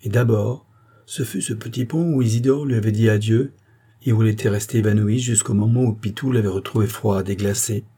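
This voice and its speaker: Husky, dark-voiced male audiobook narrator. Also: fairly low pitch, fairly even intonation, fairly quick. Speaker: audiobook reader. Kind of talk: scripted narration of a novel.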